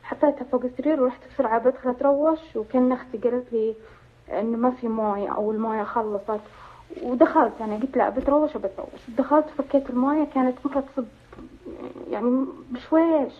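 A woman's voice: on the high side, fairly even intonation, fast talker. A woman calling in by phone, telling a dream in a rambling way with many fillers. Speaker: caller. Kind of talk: phone call recounting a dream. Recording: tinny phone line.

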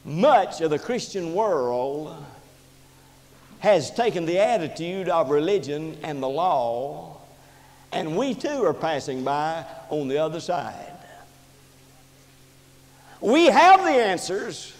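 High-voiced impassioned preacher in echoing church. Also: male voice, animated, slow. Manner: impassioned preaching that rises and drops sharply in pitch and loudness. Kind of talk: sermon. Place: church sanctuary. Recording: reverberant church hall recording.

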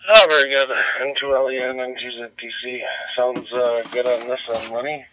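A man's voice: mid-range voice, fairly even intonation, normal speed, pushed and bright. A man making a casual ham radio contact, heard over a crackly two-way radio transmission. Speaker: amateur radio operator. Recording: noisy radio audio picked up in room.

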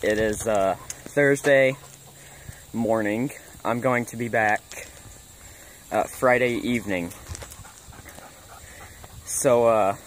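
A man with a somewhat low voice films a casual update for his stream viewers. He talks haltingly, full of ums and restarts. Faint outdoor noise sits behind his phone recording. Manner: halting, many fillers. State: out of breath.

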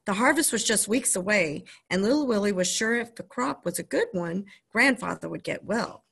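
A woman's voice: medium pitch, animated, normal speed, creaky, fairly bright tone, slightly rough. A woman reading a children's chapter book aloud to her listeners, with casual, friendly asides between passages. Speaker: storyteller reading a children's novel.

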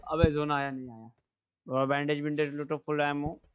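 A man's voice: fairly high pitch, flat delivery, moderate pace, clear, resonant tone, no room sound. A young man teasing and boasting, calling out moves while playing an online shooter with friends. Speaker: gamer. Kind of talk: casual gaming chat. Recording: dull lo-fi voice chat with faint noise.

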